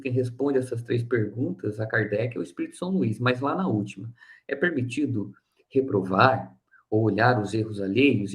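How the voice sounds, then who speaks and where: A man giving a spiritist teaching talk in a conversational way, acting out little dialogues with a listener. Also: mid-range voice. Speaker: spiritist lecturer.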